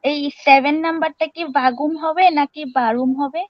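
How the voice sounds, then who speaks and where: Female student, high voice, fast questions, muffled call audio. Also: fairly even intonation. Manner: quick, questioning. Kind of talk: asking questions in online class.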